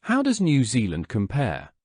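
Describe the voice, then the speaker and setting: A man from Slovakia giving a prepared conference lecture, with a measured, deliberate delivery and rhetorical questions. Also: mid-range voice, huge pitch swings, a little mellow, no echo, clean studio sound. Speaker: lecturer, vice president of a research institute.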